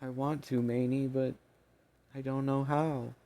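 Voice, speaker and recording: A man reading an audiobook, voicing a tiny winged fairy woman with a squeaky voice who speaks weakly and falters. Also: little pitch movement, dark tone, close to an everyday voice. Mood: defeated. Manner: faltering, halting speech.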